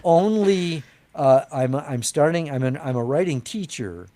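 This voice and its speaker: A man's voice: fairly high pitch, animated, a little slow, warm tone. Easygoing older man, rambling chat. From United States. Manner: rambling, restarts phrases, friendly. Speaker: guest novelist. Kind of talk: casual interview chat.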